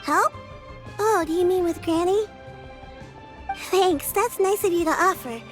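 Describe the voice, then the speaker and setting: A brave young girl from a game,, with a very high voice. She is polite and earnest and speaks with warm sincerity. Soft music plays behind her. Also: unhurried. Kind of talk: video game voice acting.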